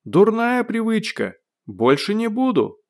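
A man voicing a brash, cheerful man who has lost his memory, talking loud, cocky and playfully defiant in an audiobook. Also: a little high, big pitch swings, unhurried, voice pushed up. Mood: shouting cheekily. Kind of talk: audiobook character voice.

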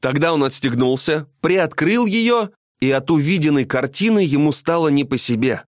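A man narrating a storybook with an expressive, dramatic reading. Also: on the high side, moderate pace, no echo, clean studio sound.

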